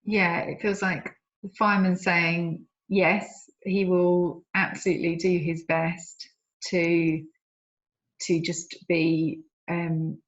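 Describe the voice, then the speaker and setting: A woman client in a therapy session, slowly and hesitantly describing the images she sees. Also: on the low side, flat delivery, muffled recording. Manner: slow, hesitant, full of fillers and restarts.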